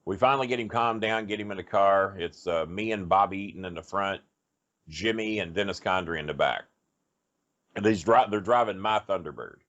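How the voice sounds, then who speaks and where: On a dull, lo-fi podcast recording, a man with a deep voice and fairly bright tone talks fairly quickly. He's a wrestling storyteller guest spinning a rambling, profane road story full of fillers in casual chat.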